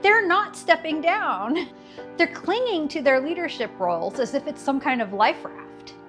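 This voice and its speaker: A woman's voice: high voice, expressive, a little slow, fairly bright tone, faint music behind. A woman in her fifties hosting a commentary video, talking in a wry, sarcastic way and laughing between her jokes. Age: 50s. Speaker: video host. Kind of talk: scripted commentary monologue.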